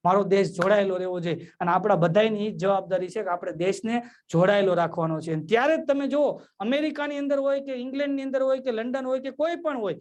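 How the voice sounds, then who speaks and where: A man telling jokes and giving a patriotic address, animated and constantly addressing his audience as sir. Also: high-pitched. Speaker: comedian. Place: remote link into a virtual event.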